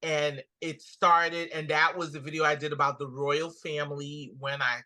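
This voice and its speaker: A woman with a low voice and a Guyanese accent appears as a comedian guest in a casual interview, telling stories at a moderate pace. She's an animated storyteller who acts out the quotes.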